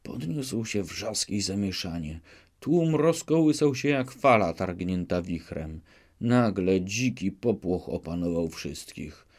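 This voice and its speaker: A man narrating an audiobook with measured, dramatic storytelling. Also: deep voice, expressive, darkish tone.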